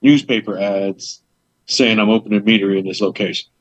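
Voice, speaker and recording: A meadery owner guests on a casual podcast, rambling about opening his business with loose fillers, lots of side detail, and acted-out conversations. His lowish voice moves fairly quickly, with no echo, on dull lo-fi dry audio.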